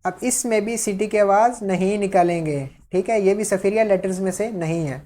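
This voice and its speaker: Her mid-range voice has a warm tone as she guides learners through pronouncing Quran letters one step at a time. Each letter is drawn out patiently for repetition, and she often asks "ٹھیک ہے؟" to check in.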